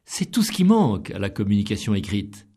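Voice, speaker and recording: A middle-aged man giving scripted instruction on public speaking, deliberate and emphatic as he counts off each point. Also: lowish voice, huge pitch swings, darkish tone, husky.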